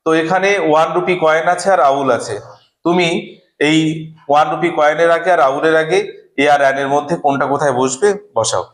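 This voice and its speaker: A man's voice: on the high side, steady tone, fairly quick. Patient male teacher in an echoey classroom. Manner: patient, questioning students step by step. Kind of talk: classroom English grammar lesson.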